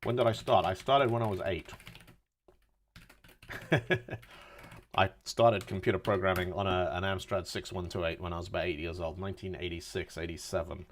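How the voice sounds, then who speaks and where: A man's voice: low voice, fairly even intonation, normal speed, pauses often, slight background noise. A man in his forties thinking aloud while debugging code on a casual live stream, cracking dad jokes between mutters. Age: 40s.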